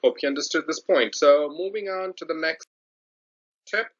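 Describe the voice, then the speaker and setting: A man explaining tips as an online English teacher, talking patiently, restarting phrases and repeating his main points. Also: on the high side. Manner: explains slowly with many fillers and restarts; instructive, repeats key points. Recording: dull lo-fi sound.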